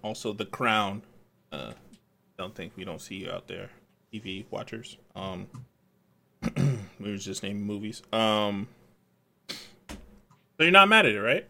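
A man co-hosting a casual podcast, talking in a relaxed, drawn-out way with many pauses. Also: lowish voice, vocal fry. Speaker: podcast co-host. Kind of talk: casual chat.

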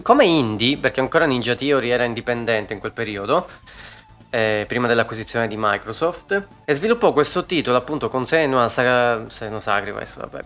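Male host, lively off-the-cuff stream chat, salty language, music low underneath. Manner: animated, swears freely, frequent fillers. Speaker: talk show host. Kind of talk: casual live-stream chat.

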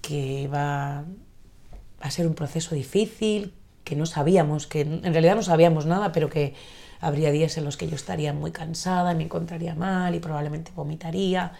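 Low, gravelly-voiced woman speaking haltingly. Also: steady tone, mellow. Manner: hesitant, halting, reflective. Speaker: podcast guest. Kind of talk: emotional personal conversation. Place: home kitchen.

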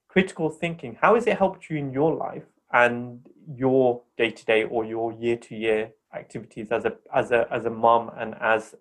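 Upbeat male podcast host. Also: mid-range voice. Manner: upbeat, energetic intro delivery. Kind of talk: interview hosting.

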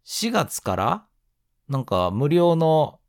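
A man of around forty with a nasal, stuffed-up voice from hay fever, hosting a casual solo gaming podcast in a polite, unhurried way. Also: on the high side, sing-song, dry recording, studio quality. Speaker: podcast host.

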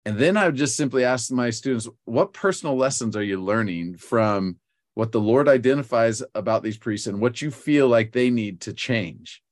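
A man co-hosting a casual scripture teaching discussion, thoughtful and halting, with many restarts. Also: mid-range voice, no room sound, clean studio sound.

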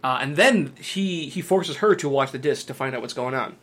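A man's voice: medium pitch, moderate pace, a bit bright. A man co-hosting a podcast, casually recapping a film's plot with plenty of fillers. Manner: recaps the plot, with lots of fillers and frequent laughs. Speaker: podcast co-host. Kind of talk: casual film discussion.

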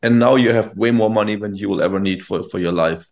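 A man's voice: lowish voice, fast, creaky, a little mellow. A man hosting a podcast, asking a long question in a rambling way with many restarts. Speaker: podcast host. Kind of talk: conversational interview questions.

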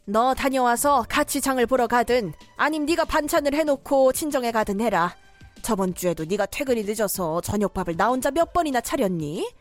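A woman plays a domineering middle-aged mother-in-law in a cartoon story drama, scolding without letup in a high voice. Soft music plays under her lines. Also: animated, a little fast, natural voice. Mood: pressing.

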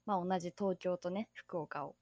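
A woman's voice: on the low side, normal speed, darkish tone, no room sound, clean studio sound. A young woman from Tokyo, a podcast host, chatting in a bubbly, self-deprecating way over a remote call. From Tokyo, Japan. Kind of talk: casual podcast chat.

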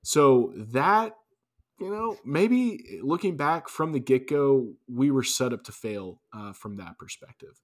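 A man's voice: mid-range voice, expressive, takes it slowly. A man co-hosting a casual sports podcast, talking loosely with restarts and wry asides. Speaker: podcast co-host.

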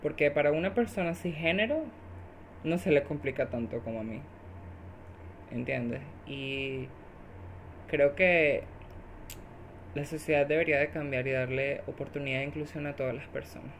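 A woman's voice: low voice, moderate pace, pauses often, slight background noise. A woman guest on a podcast, speaking emphatically and often agreeing with the host, stacking up repeated phrases. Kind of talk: casual podcast conversation.

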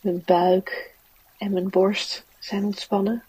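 A woman guides a relaxation exercise in a soft, soothing voice. Her tone is husky and stays level, with little rise or fall. She takes each phrase slowly. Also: mid-range voice, flat delivery, distant mic, low-quality recording. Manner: soft, slow, soothing guiding delivery. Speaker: mindfulness teacher and meditation guide.

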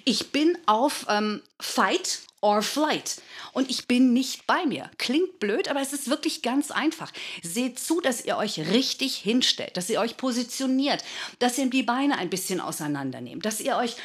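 A woman in her fifties giving lively, demonstrative advice as a speaking coach in a studio talk. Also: a little high, measured pace, slightly rough. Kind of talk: instructive advice in a talk show.

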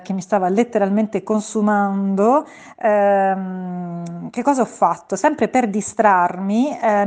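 Woman, podcast co-host, warm mellow voice, relaxed conversational advice. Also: medium pitch. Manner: easygoing, many fillers. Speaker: podcast co-host replying to a voice message. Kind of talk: casual voice-message reply giving advice.

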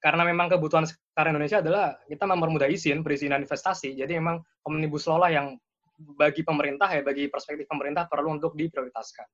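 A man's voice: a little high, fairly even intonation, quick pace, fairly bright tone, muffled recording. A man speaking earnestly as a panelist, weighing both sides of an issue. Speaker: discussion panelist. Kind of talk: argumentative discussion.

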